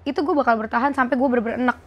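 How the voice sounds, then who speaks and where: High-voiced woman, candid talk. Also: steady tone, very fast, lo-fi sound. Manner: reflective, emotional, informal slang. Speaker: host. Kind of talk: casual candid conversation.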